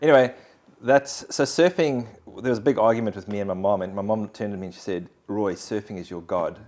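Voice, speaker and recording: A man's voice: fairly low pitch, a little fast, a little mellow. A man, sharing his personal faith story in an interview in an earnest, reflective way. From South Africa. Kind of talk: conversational personal testimony.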